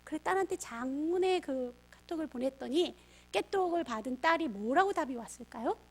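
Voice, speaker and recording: High-pitched middle-aged woman pastor lecturing parents, tells stories and does all the voices in the dialogue. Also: moderate pace. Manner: lively storyteller acting out quoted family dialogue. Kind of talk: storytelling lecture for parents and teachers.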